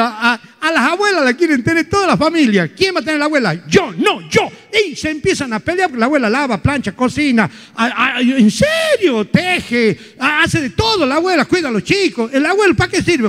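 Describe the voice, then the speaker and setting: Man, Argentine accent, stand-up comic, very high pitch, slangy storytelling, reverberant hall. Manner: loose, slangy storytelling with bursts of shouting. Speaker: stand-up comedian. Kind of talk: live stand-up comedy. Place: theater stage. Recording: live hall with long reverb.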